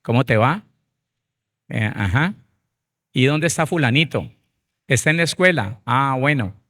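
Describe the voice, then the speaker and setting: A man voicing an irresponsible, offhand father who talks in a quick, dismissive way. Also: medium pitch, expressive, bright, forceful tone, dry recording, clean studio sound.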